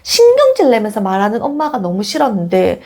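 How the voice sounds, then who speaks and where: A woman's voice: mid-range voice, wildly swooping pitch, brisk, dark tone. A middle-aged woman giving a casual parenting lecture, posing rhetorical questions and acting out children's lines. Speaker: parenting educator.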